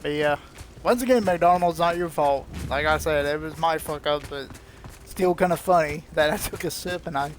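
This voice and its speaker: Young man, live-stream chatter, foul-mouthed, self-mocking, slightly high voice. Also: moderate pace, slight background noise. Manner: rambling, heavy swearing, laughs at himself. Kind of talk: casual live-stream chat.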